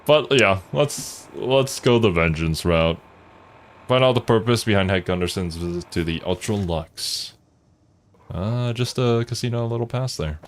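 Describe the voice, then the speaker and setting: Young male let's player: deep voice, casual, amused, thinking aloud, faint noise behind him. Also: animated, measured pace. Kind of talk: casual game commentary.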